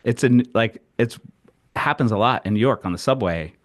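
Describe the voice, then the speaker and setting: Man, podcast co-host, casual chat, relaxed, middle-pitched voice. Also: normal speed. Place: New York.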